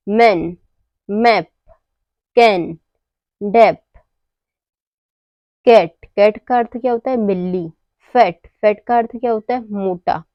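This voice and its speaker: A woman teaching English word pronunciation, explaining each word slowly and answering her own questions. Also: mid-range voice, no room sound, highs cut off. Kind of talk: slow explanatory lesson.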